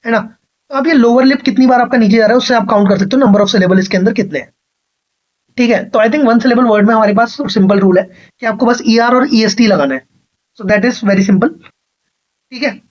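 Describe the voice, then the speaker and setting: A man with a high-pitched voice gives an exam-prep grammar lecture, explaining patiently step by step and frequently checking that his students are following. The audio is dull.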